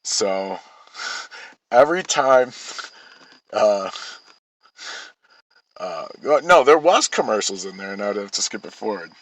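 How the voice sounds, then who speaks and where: A man's voice: on the low side, very animated, fairly bright tone, slight background noise, rough recording. A man telling a rambling personal story in casual speech, swearing often and restarting sentences. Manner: rambling, profane, with frequent halting restarts. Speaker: vlogger.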